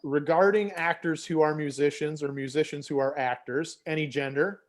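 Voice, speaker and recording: A man's voice: on the high side, steady tone, normal speed. Casual male podcast host from Michigan, easygoing, drops swears. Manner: laid-back, swears casually. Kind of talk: casual chat.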